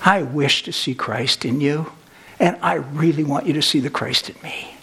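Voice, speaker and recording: A man preaching a sermon, earnest and storytelling, slowing down for emphasis. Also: a little high, gravelly, fairly bright tone, breathy edge.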